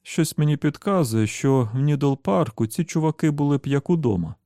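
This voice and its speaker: A man's voice: on the high side, lively intonation, moderate pace, mellow, no echo, clean studio sound, voice pushed up. A man voicing an eager, restless young man. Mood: urgent. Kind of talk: audiobook character voice.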